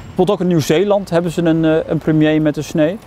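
A man interviewing passers-by on a town street with a handheld mic, asking questions full of absurd euphemisms with a deadpan manner. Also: a little high, fast. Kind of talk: street vox pop questions. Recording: faint street noise.

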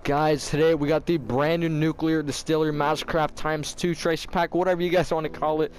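A man's voice: a little high, flat delivery, fairly quick. A young man doing casual, slangy video game commentary, with a slight lisp from tightened braces. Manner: informal slangy bro-style talk. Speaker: gaming YouTuber.

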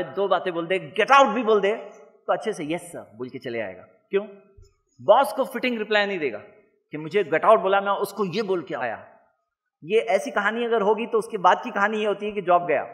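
A man giving a religious lecture to an audience, animated, asking questions and having the crowd repeat his points. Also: high voice, in a large hall. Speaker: Islamic lecturer.

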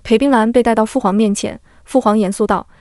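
A woman reads a historical romance audiobook as scripted narration, in a fairly high voice and at a brisk, rapid pace. Every character comes out in the same even reading voice, and the recording is close and dry, with no room sound. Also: no room sound. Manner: reads all characters in one steady voice.

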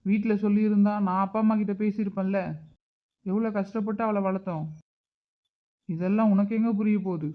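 A man voicing a hurt, stubborn uncle who scolds and grieves in an animated drama. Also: high voice, brisk, long pauses, phone-quality sound, lightly acted. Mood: reproachful. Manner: reproachful, emotional. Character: hurt, stubborn middle-aged uncle, angry but grieving.

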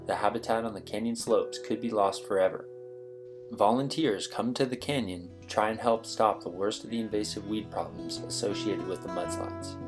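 A man reading scripted promotional documentary narration as the narrator. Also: lowish voice. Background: music with plucked guitar.

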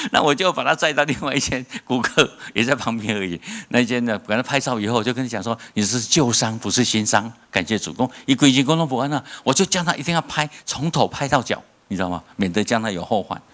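A man with a Taiwanese Mandarin accent preaching in church, telling lively stories and firing rhetorical questions at the congregation. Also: mid-range voice, fast. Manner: lively storytelling preacher, asks rhetorical questions, chuckles at own jokes. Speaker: pastor. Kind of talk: sermon.

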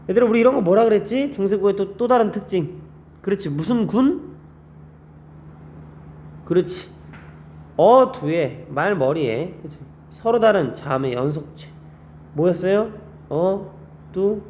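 A man teaching a class in a fairly high voice, firing rhetorical questions at his students and jumping up in pitch to stress key points. His delivery is lively and conversational, as in a classroom lecture. A faint background noise sits under the recording. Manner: lively, animated delivery with frequent pitch jumps. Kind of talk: classroom lecture on Korean grammar.

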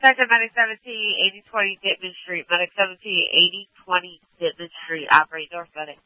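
High-pitched male fire dispatcher over radio. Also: fairly even intonation, fast, dry recording. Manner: procedural, repeats each call. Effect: two-way radio. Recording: dull lo-fi fire radio audio.

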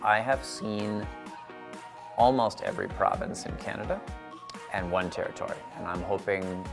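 A man's voice: deep voice, moderate pace, vocal fry. A man speaking earnestly about his job in a studio interview testimonial. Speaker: employee in a recruitment video. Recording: background music.

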